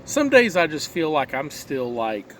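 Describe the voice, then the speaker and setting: A man's voice: fairly high pitch, big pitch swings, unhurried, fairly bright tone. Man musing between pipe puffs, noisy background. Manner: talking while puffing on a pipe; musing, asks himself rhetorical questions. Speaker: pipe tobacco reviewer. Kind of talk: casual rambling video review. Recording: clear background noise, vehicle-like ambience.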